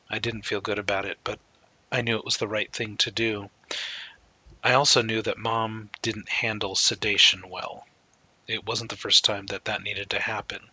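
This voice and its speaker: A male pastor preaching a sermon, telling a personal story in a slow, reflective way with pauses. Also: lowish voice, bright, forceful tone, husky, no room sound, poor audio.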